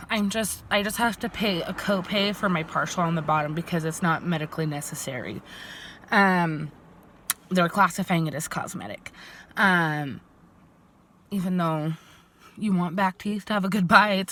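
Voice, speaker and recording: A woman's voice: on the low side, fairly bright tone. A young woman vlogging in casual chat, stuffy from a head cold, with lots of ums and likes. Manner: chatty, many ums and likes.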